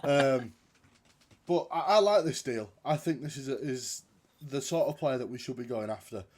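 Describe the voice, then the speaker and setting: A man's voice: medium pitch, normal speed, a little mellow, slightly rough. Guy co-hosting a footy podcast, dry jokey self-mocking humour. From Yorkshire, England. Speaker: podcast co-host. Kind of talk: casual football chat.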